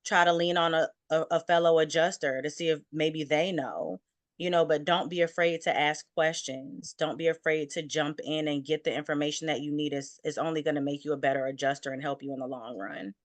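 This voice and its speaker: Steady-voiced woman, dry close sound. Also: low voice, fairly quick, no echo. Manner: steady, advising, frequent "you know". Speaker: insurance claims adjuster, guest. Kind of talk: interview conversation.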